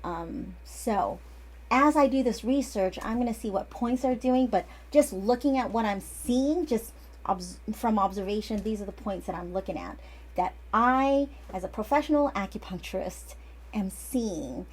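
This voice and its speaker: A woman's voice: mid-range voice, expressive, normal speed, breathy edge. A woman in her forties, an acupuncturist, giving a casual, chatty lesson that often wanders off and restarts. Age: 40s. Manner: chatty and digressive, with frequent restarts. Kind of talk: casual instructional talk.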